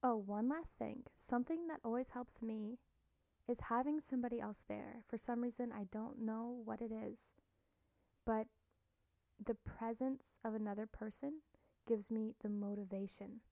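A woman podcast host giving a blunt, encouraging self-help pep talk, soft and deliberate with plenty of swearing. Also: a little high, fairly even intonation, vocal fry, dry recording.

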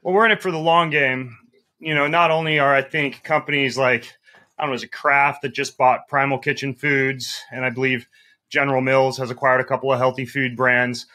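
A man's voice: medium pitch, fairly even intonation, fairly quick, pushed and bright. A man hosting a podcast, speaking thoughtfully in casual chat and hedging his points. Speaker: podcast host.

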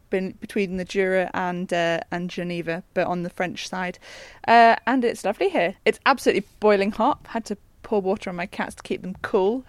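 A woman's voice: mid-range voice, no echo. A woman with a British accent, co-hosting a podcast in casual, enthusiastic and emphatic talk. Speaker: podcast co-host. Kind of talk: casual chat.

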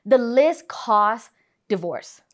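A woman's voice: a little high, animated, slow. A woman from Thailand talking candidly as a guest relationship expert in a casual podcast chat, full of "like" fillers.

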